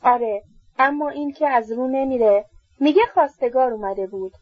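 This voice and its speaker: A woman's voice: sits high, husky, no echo, phone-quality sound. A woman reading an audiobook, voicing an indignant, gossipy young woman student. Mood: indignant gossip. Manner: chatty, indignant.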